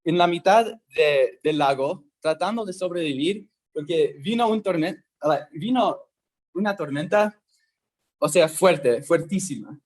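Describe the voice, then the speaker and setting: A man giving a casual Bible lesson, talking slowly and conversationally and checking in with his listeners often. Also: on the high side, darkish tone. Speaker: youth Bible teacher.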